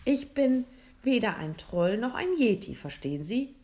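A nervous, polite little boy who stammers, put on by a woman reading a story. His voice sits a little higher. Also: very animated, a little slow, warm tone.

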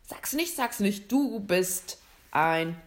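Loud jolly Santa Claus, booming and excitable, a woman doing a storybook voice. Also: slow pace. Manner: loud, playful, theatrical.

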